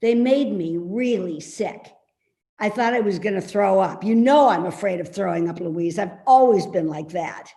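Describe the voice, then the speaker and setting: A woman performing a remote play reading takes the role of an elderly mother, suspicious and complaining, nagging with slow, insistent indignation. Her voice is natural, medium in pitch, animated and dark in tone, and the recording is roomy with echo.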